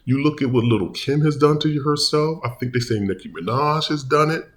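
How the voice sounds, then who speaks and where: A man hosts his own video channel, giving casual, rambling, emphatic commentary with many restarts. His voice is medium in pitch and his speed normal.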